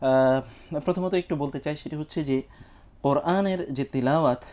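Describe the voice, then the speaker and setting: A man, an Islamic scholar, giving measured, teacherly answers on a live television question-and-answer show, weaving in Arabic quotations. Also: a little high, a little mellow. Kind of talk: explanatory religious talk. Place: television studio.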